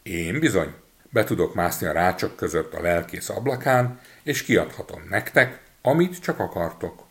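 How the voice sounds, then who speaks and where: A man voicing a tiny, clever, cheeky boy in a storybook reading, pitched high and calling out loudly. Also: expressive, creaky. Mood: scheming. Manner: shouting high and loud.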